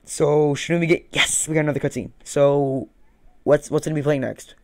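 Loud game music and audio sit over the voice of a young gaming video host doing casual let's-play commentary in a small room. He mutters and repeats phrases in a slightly high, level-toned voice at normal speed.

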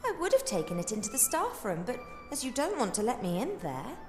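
A young elf princess speaks high and with lively swings in a video game. She is plucky, polite and articulate, with music behind. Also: a little fast. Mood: pointed. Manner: expressive, articulate. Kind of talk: video game character acting.

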